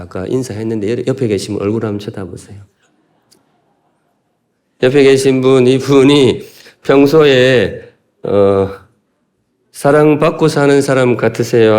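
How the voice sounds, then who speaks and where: A man's voice: medium pitch, normal speed, darkish tone. A male pastor from Gyeongsan, South Korea, preaching a sermon in a folksy, humorous way and asking the congregation questions. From Gyeongsan, North Gyeongsang, South Korea.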